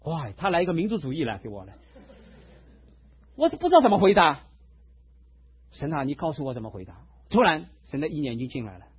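A male pastor preaching a sermon, telling a personal testimony in an animated storytelling way, in a dull lo-fi recording. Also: a little high, quick pace, long pauses, husky. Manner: animated storytelling, acts out quotes.

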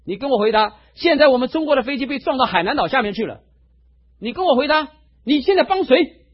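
A preacher acting out the angry retorts of a gruff old army commander, in a dull lo-fi recording. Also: male voice, very high-pitched, lively intonation, fast talker, pitched above the performer's own voice, exaggerated voice.

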